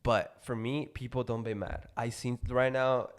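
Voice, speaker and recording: A young man from Mexico, Spanish his first language, talking in a loose, profane, excitable way. He swears constantly and keeps the chat casual. His voice sits at an ordinary middle pitch. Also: unhurried, smooth. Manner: profane, excitable, loud bursts when mimicking anger. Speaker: podcast guest.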